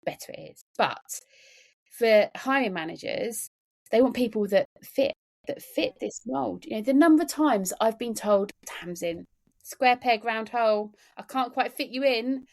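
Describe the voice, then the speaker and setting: On a conversational podcast, a woman guest who trains people on neurodiversity discusses workplaces in a fairly high, creaky, darkish voice with lively intonation, unhurried. Her tone is earnest and emphatic, full of repetitions and fillers, especially "you know".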